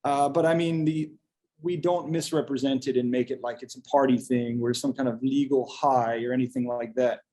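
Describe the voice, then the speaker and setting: A man from the United States, a kava bar owner, answering on a webinar panel in a halting way with many restarts. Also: medium pitch, steady tone, mellow.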